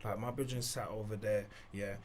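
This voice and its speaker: A man from Reading, telling stories as a podcast guest in animated street slang. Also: fairly low pitch, a little fast, a little hiss or hum. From Reading, England. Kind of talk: casual storytelling interview.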